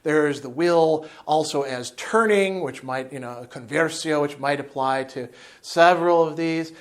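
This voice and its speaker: This philosophy lecturer, a man in his fifties, speaks at a measured pace in a slightly higher voice, talking with his hands. His unscripted lecture to camera, given indoors before a chalkboard, is animated, with asides and restarts. A lapel mic records him.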